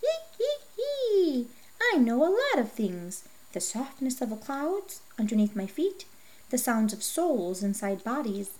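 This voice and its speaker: A crooked old man from a storybook, put on by a woman reader, his voice creaky like feet on worn steps. He cackles and speaks softly in cryptic riddles, and he is often hushed and low. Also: sing-song, measured pace. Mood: cackling. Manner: cryptic, mysterious.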